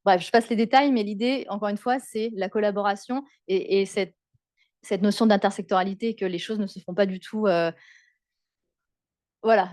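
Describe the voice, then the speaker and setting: A woman's voice: mid-range voice, a little mellow, dry recording, clean studio sound. A woman presenting at a conference in an informal, explanatory way, often repeating words as she goes.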